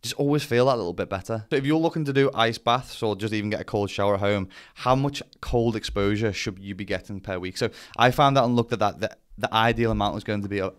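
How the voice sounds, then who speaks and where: Guy doing a casual vlog explainer, kinda low clear voice, blunt, sweary, makes fun of himself. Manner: blunt, sweary, self-deprecating. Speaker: vlogger presenting to camera.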